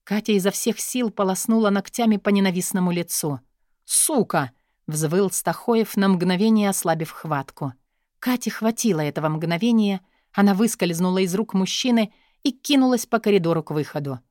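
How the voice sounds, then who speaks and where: A woman narrating an audiobook in an expressive, steady storytelling manner. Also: medium pitch, a little fast, no echo, studio quality. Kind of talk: scripted narration.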